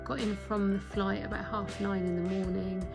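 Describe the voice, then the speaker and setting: A woman talks to her vlog audience in an informal, confiding ramble. Her voice is mid-pitched with a noticeable creak at the edges. Music plays behind her speech. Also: little pitch movement, moderate pace. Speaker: travel vlogger. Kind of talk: casual chatty vlog to camera.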